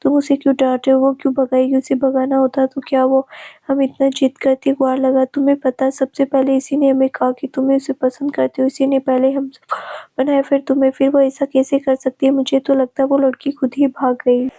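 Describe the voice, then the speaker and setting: A woman's voice: sits high, monotone, brisk, dark tone, close to an everyday voice. A woman reading a storybook, voicing a scheming middle-aged mother who talks in a complaining, self-righteous way.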